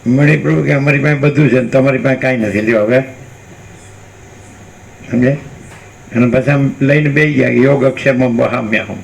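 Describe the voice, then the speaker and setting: A man giving an unhurried spiritual discourse as a teacher, repeating phrases and putting rhetorical questions to his listeners. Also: mid-range voice, gravelly, a little hiss or hum, poor audio.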